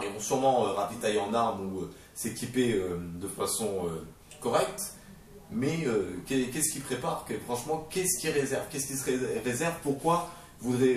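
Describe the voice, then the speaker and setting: A man's voice: mid-range voice, a little hiss or hum. Man, casual video commentary, hesitant and rambling, voice far from the mic, very echoey room. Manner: rambling, hesitant, many fillers and restarts; excitable, playful asides. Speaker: manga review video host.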